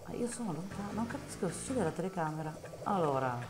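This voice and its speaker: Animated woman streaming a game. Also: fairly low pitch, fast, noisy background. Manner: frustrated outbursts, swearing, talking to the game. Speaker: gameplay streamer. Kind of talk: live gameplay commentary. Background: game music.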